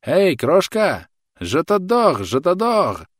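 Man voicing a loud cheery young soldier. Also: fairly low pitch, lively intonation, brisk, no echo, clean studio sound. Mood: hollering. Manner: boisterous, shouting across a field.

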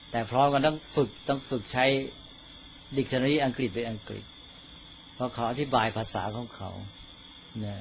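Against slight background noise, a mid-range male voice delivers an informal dharma talk. The speaker, a Buddhist monk addressing other monks, moves at a slow, deliberate pace and frequently confirms his listeners are keeping up.

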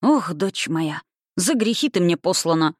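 The reader voicing a hot-tempered cossack father in an audiobook, grim, slow and heavy. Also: mid-range voice, very animated, no echo, studio quality.

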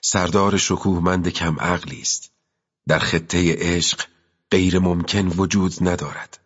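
A man reading a literary novel aloud as an audiobook narrator, in a slow, measured and intimate way. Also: deep voice, fairly even intonation, a bit bright, slightly rough. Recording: muffled with long reverb.

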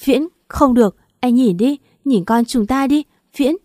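A woman's voice: on the high side, expressive, moderate pace, a little mellow, no echo, clean studio sound, lightly acted. A woman voicing a scheming, brazen pregnant young woman who taunts and laughs scornfully, in a storybook reading. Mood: pleading.

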